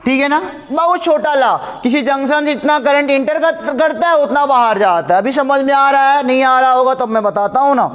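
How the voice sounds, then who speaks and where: A man with a very high voice teaches a physics class in a long-ringing, reverberant room. He repeats each point over and over. He slows down sharply when he dictates definitions. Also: a bit bright. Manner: repetitive, drills each point, slow dictation. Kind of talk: classroom lecture.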